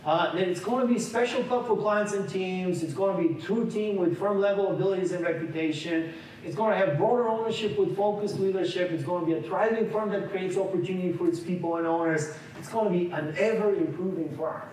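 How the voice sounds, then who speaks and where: Fairly quick and high-voiced with a darkish tone, this Bulgarian man in his forties leads a workshop as an interactive seminar lecture. He talks conversationally, often restarting and asking the room questions. The recording, from far off in a large echoey meeting room, has slight background noise.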